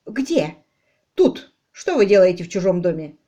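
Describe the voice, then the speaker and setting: A woman's voice: lowish voice, very animated, a little slow, dark tone, dull audio. A woman voicing a stern, suspicious village policeman questioning a stranger.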